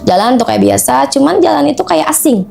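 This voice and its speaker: A woman recounts a true ghost story to an interviewer in an animated, emotional flow, often turning to address her listener directly. Her voice sits high with a gravelly edge. Faint music plays behind her. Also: fairly quick. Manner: emotional, tells of distress at length.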